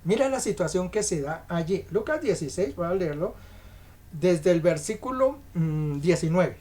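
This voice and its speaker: A woman's voice: lowish voice, lively intonation, normal speed, dark tone. A woman preaching an evening sermon, reading scripture aloud and explaining it emphatically, often asking her listeners direct questions.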